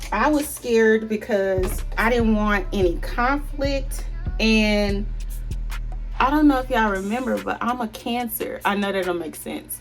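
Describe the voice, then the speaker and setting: A young woman chatting casually to viewers while doing her makeup, rambling and confiding. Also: mid-range voice. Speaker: beauty vlogger.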